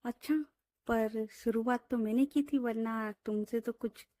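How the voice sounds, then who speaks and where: A woman's voice: a little high, fairly even intonation, unhurried, warm tone, dry recording, natural voice. A woman voicing a shy young woman in love who scolds her partner in a coy way.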